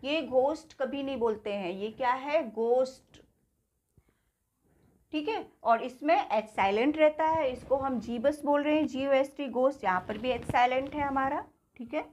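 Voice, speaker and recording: A woman's voice: high-pitched, normal speed, darkish tone. A woman with an Indian accent teaching spoken English, patiently repeating words and asking her class questions.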